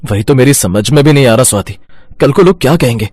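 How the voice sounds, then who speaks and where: A man voicing a worried young husband in an animated storybook. His voice is husky and close, in a dry sound. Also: mid-range voice, fast, no echo.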